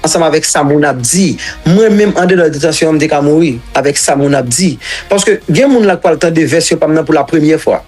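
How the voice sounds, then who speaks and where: A man's voice: fairly high pitch, fast talker, hardly any pauses, darkish tone, faint music behind. A man from Haiti with a Haitian accent, recounting his own story as an interview guest in a rambling, repetitive way and mixing languages.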